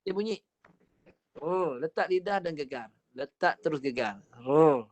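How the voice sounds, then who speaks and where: Slightly high-voiced Malaysian Quran teacher. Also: male voice, animated. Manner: patient, repeats and drills letter sounds slowly. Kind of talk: online recitation lesson. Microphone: online class call.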